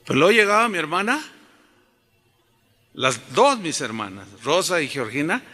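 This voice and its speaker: A pastor preaching a sermon to a congregation, animated and telling stories. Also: male voice, on the high side, moderate pace. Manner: animated, storytelling, addresses the congregation. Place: church auditorium. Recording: reverberant auditorium.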